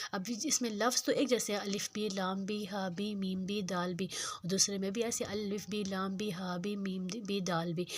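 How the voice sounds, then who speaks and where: A woman teaching Quran reading, speaking slowly and repeating sounds and words to show the difference between them. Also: mid-range voice. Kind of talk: slow patient tajweed lesson.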